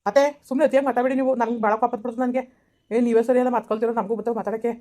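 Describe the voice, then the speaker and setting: A quarrelsome rural woman locked in a family feud, played by a woman in an amateur comedy skit. She scolds and curses in a rapid-fire torrent, her voice a touch high yet mellow and dark in tone. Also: steady tone, close to an everyday voice. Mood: quarrelling. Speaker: actor in a village family skit.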